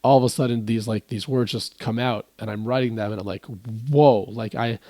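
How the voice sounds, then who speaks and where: This is a young American man, a musician and native English speaker, telling a loose, rambling story on a podcast, restarting often and playing out others' lines with animation. His mid-range voice moves at normal speed, with no room sound.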